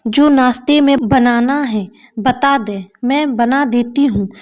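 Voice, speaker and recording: A woman's voice: fairly high pitch, takes it slowly, a little mellow, muffled recording. A woman reading the lines of a shy, eager young bride who speaks politely and a little hesitantly.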